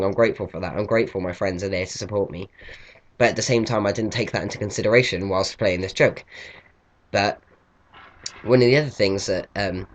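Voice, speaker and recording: A young man, telling a story in a casual, chatty vlog and swearing freely. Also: lowish voice. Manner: chatty, swears freely, acts out quoted reactions. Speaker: vlogger.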